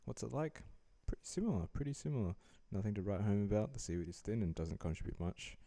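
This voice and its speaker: A young man giving relaxed, dryly joking voice-over commentary as he rates food. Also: lowish voice, fast talker, gravelly. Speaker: vlogger rating food.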